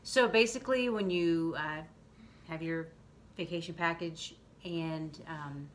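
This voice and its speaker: Low-voiced woman, casual rambling vlog host. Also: unhurried. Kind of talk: casual explanatory chat. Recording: faint background noise.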